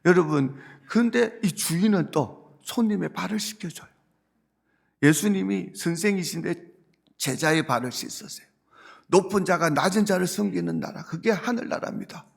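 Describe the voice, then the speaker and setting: A man's voice: high-pitched, animated, normal speed, gravelly, breathy edge. A male pastor, preaching a sermon earnestly and rising to emphatic points. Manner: earnest preaching, quoting Jesus gently, building to emphatic points.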